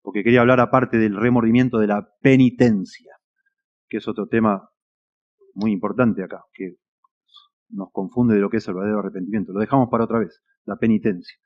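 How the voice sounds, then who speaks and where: A man's voice: lowish voice, steady tone, brisk, muffled recording. A man with a Rioplatense Spanish accent preaching a sermon as a pastor, earnest and at times emphatic. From Argentina. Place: church.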